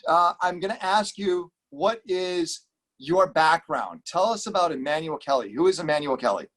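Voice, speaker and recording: A man hosting a mentoring video call, prodding his guest with quick questions. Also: on the high side, expressive, fairly bright tone. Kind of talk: casual interviewing.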